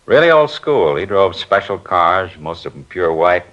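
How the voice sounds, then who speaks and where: Playing a witness in a 1950s radio crime drama, an actor uses a low, slightly bright, very animated voice at normal speed. His character, a talkative film studio worker, is a chatty, rambling storyteller, heard through a muffled old radio recording.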